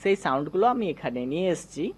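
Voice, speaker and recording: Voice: mid-range voice, expressive, very fast, breathy edge. Teacher drilling vowel sounds, explaining slides. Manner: asks and answers own questions, drills sounds by repeating; direct address to viewers as friends. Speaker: English reading teacher. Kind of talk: online lesson with slide explanation.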